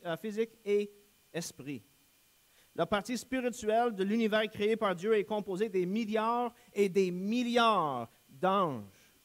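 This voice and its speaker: A young man preaches a sermon as a guest pastor, his voice sitting high for a man. He drives each point home with earnest, emphatic repetition and now and then stops to correct himself mid-phrase. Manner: earnest, emphatic preaching with repeated refrains and a few self-corrections.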